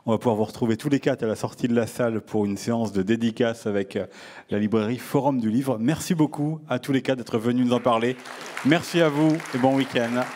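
A man moderating a public talk, wrapping it up briskly with a few fillers. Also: medium pitch, darkish tone, some chatter behind.

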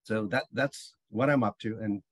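Man, middle-aged, from Chile, husky voice, dry close sound, eager rambling panel talk over a video call. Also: lowish voice, moderate pace, no room sound. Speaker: panel guest, bird tour guide. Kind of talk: casual panel discussion. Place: home office on a video call.

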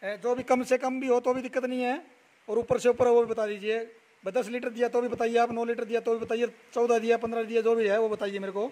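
Young man from Haryana, high voice, flat delivery, casual vlog talk in a buffalo shed, phone camera. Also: quick pace. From Haryana, India. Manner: repeats figures and names back, many "a" fillers. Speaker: dairy farm vlogger, buffalo trader. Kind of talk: casual walk-around video with interview. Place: indoor buffalo shed at night.

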